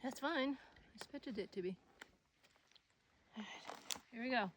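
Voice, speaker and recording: Hiking in the mountains, a woman who hosts a Bigfoot investigation channel chats casually and muses aloud, sounding tired and hot. Her voice is slightly high and a bit slow, with background noise in the recording.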